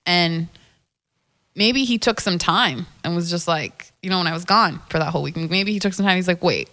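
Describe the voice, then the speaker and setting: A lower-pitched woman talks as a guest in a relaxed interview. She is a dating coach who thinks aloud, circling back over her own words, and she laughs easily. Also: moderate pace. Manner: thoughtful, repeats words, laughs often. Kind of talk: casual interview chat. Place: lives in New York.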